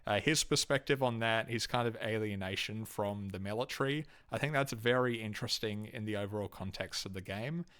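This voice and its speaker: Young Australian guy, low smooth voice, casual halting commentary with lots of fillers. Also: a bit bright. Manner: halting, many ums and uhs, restarts. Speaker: YouTube host ranking game companions.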